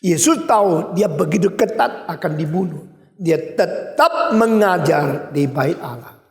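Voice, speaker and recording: An older male pastor with an Indonesian accent preaching a sermon with emphatic swings in loudness. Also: a little high, expressive, unhurried, creaky. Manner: emphatic, wide swings in loudness, switches briefly to English. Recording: echoey hall.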